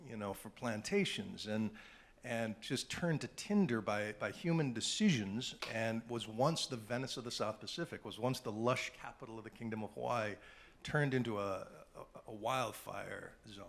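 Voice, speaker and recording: A man's voice: fairly low pitch, normal speed, vocal fry. Middle-aged man telling vivid stories. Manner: animated anecdotal storytelling with asides. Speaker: panelist, television journalist. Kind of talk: storytelling at a panel talk.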